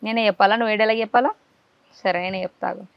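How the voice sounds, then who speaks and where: A woman interviewing a child in a casual chat, coaxing answers out of them with quick questions. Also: mid-range voice, fairly even intonation, creaky, clean tone, no room sound. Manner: coaxing, rapid-fire questions. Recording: dull lo-fi dry sound.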